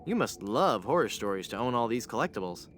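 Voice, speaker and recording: A man's voice: mid-range voice, sing-song, a little fast, fairly bright tone, soft background music. A man playing a hapless, earnest adventurer in a comic adventure game, pleading and bluffing theatrically as a would-be ghost. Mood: mock-menacing, sheepish.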